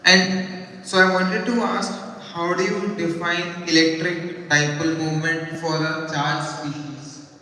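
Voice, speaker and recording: A man asks a question from the audience in a large hall, halting and filling gaps with "like" and "uh". His bright, slightly high voice sounds distant, with strong reverb and faint ambience. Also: flat delivery, slight background noise. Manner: hesitant, many fillers. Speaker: audience member asking a question. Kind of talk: question from the floor. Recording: echoey hall, voice from far off.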